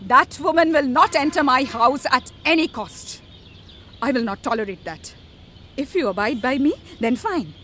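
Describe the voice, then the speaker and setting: An actress playing a haughty, scornful, middle-aged wealthy matriarch in a radio drama. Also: female voice, high voice, lively intonation, normal speed, fairly bright tone, a little hiss or hum. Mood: scornful, angry. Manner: imperious, scornful, commanding. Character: haughty, threatening wealthy family matriarch, mother of grown son.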